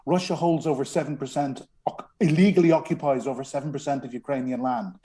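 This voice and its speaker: A fast-talking man with a warm, medium-pitched voice and fairly even intonation is a guest on a radio interview. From Dublin, Ireland, and formerly a strategic communications advisor, he speaks earnestly, with many hesitations and false starts.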